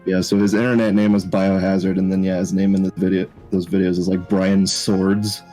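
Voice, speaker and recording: A young man co-hosting a casual podcast chat, talking in a halting, reflective way. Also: deep voice, level tone, dark tone, faint music behind, poor audio. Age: young adult. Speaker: podcast co-host.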